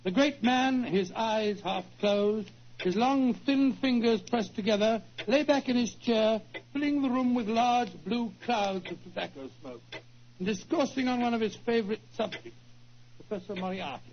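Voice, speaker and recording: An actor playing a genial, fussy elderly British doctor who recalls old adventures in 1940s radio drama style. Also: male voice, high voice, moderate pace. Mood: genial, reminiscing. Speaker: storyteller and detective's companion. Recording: muffled, noisy 1940s radio recording.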